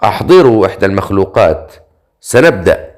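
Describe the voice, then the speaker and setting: A man's voice: fairly low pitch, expressive, normal speed, darkish tone, natural voice. A man voicing a cold, sneering priest. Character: cold, mocking male priest who experiments on captives.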